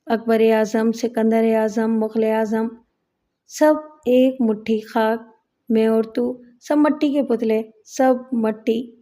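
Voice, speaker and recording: A woman voicing a wild-eyed, burly male mendicant in an audiobook reading, proclaiming slowly and drawing out his words. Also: fairly high pitch, steady tone, dark tone, lightly acted.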